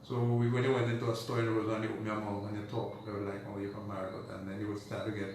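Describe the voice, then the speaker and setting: A man with a Dominican accent speaks casually as an interview guest, his low-ish voice flat and rapid-fire. He rambles conversationally and keeps saying "you know." The recording is noisy, with a distant mic in a very echoey room.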